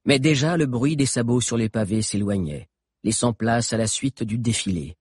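A man's voice: mid-range voice, normal speed, slightly rough, no room sound, clean studio sound. A man reading a novel aloud as scripted narration, telling the story expressively. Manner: expressive storytelling, voices characters. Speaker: audiobook narrator.

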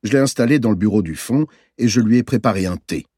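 A man narrating a novel in the first person, in a measured, reflective storytelling manner. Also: fairly low pitch, lively intonation, warm tone, husky, dry recording, clean studio sound. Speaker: audiobook narrator.

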